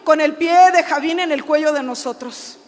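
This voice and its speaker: High-voiced fervent woman preacher, hall echo. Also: normal speed. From Mexico. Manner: fervent, rises to shouting for emphasis. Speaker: pastor. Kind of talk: preached sermon. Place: large church hall. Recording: long hall reverb.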